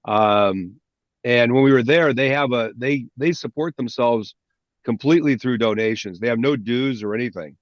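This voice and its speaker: A man's voice: mid-range voice, moderate pace, dry recording. A man hosts a casual hobby meetup over a video call, wandering through anecdotes with plenty of restarts. His call audio is dull and lo-fi, and the sound is completely dry. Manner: chatty storyteller, frequent restarts. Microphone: video call microphone.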